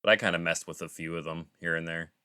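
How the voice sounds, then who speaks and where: A man with a very deep voice and a bright, forceful tone chats in a laid-back way, dropping in plenty of "like" and "dude". He is a co-host on a casual gaming podcast. The sound is dry and close. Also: steady tone, fast talker, smooth, no echo.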